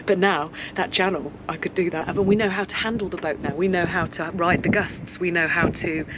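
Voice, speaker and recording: A woman's voice: lowish voice, steady tone, fairly quick, noisy background. A woman chatting casually on a sailboat in an earnest, rambling way. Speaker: vlogger, sailing family mother. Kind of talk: casual vlog chat.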